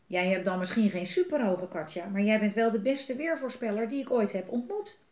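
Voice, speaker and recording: A woman reading aloud, voicing a careful young boy who talks quietly and at times whispers. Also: medium pitch, brisk, roomy sound, natural voice.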